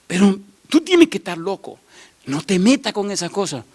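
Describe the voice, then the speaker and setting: A man's voice: very animated, moderate pace, a little mellow, slightly rough, full character voice. A preacher voicing an alarmed mother who scolds her son in disbelief. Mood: scolding. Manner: shrill, scolding, incredulous. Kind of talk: acted quote in a sermon story.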